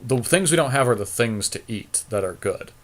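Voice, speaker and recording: A man co-hosting a podcast muses aloud about choices in a card game draft, keeping the chat casual. His medium-pitched voice has lively intonation and a normal speed.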